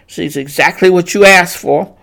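A narrator voicing a small, mean male slave driver who talks loudly and eagerly seeks approval. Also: mid-range voice, normal speed, vocal fry. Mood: fawning. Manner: loud, eager to please. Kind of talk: audiobook character voice.

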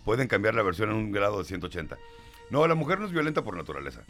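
A man's voice: lowish voice, very animated, very fast, a bit bright, soft background music. A middle-aged man with a Mexican Spanish accent co-hosting a talk show, reading listener comments aloud and answering them emphatically. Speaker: radio show host.

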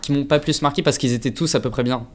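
A young man from Paris, a student guest, chatting casually on student radio, relaxed and hesitant with many fillers. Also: medium pitch, racing. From Paris, France. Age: young adult.

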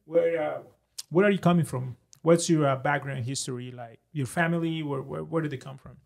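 A man's voice: a little high, fairly even intonation, a little fast, vocal fry. A man hosting a podcast in casual conversation, often giving short affirming replies. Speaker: podcast host.

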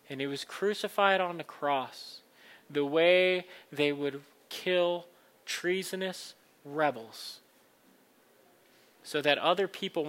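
A man's voice: a little high, fairly bright tone. A man speaking as a pastor in a church sermon and communion liturgy, earnest and kindly, building his point through short repeated phrases. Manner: rhetorical repetition in short phrases.

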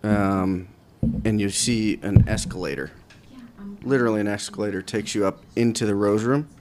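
A man co-hosting a podcast, asking questions in a relaxed, plain-spoken way. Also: fairly low pitch, normal speed, background noise. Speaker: podcast co-host. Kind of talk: casual chat.

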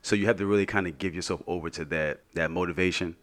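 A man's voice: low voice, fairly even intonation, quick pace, fairly bright tone. A man co-hosting a casual podcast, talking in an earnest, reflective way and often checking in with "you know what I mean". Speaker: podcast co-host.

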